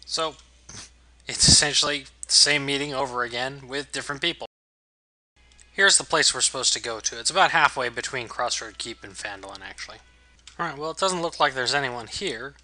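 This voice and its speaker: A man's voice: mid-range voice, fairly quick, sharp tone, rough recording. A man giving casual let's play commentary as host, with wry, amused understatement. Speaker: gaming video host.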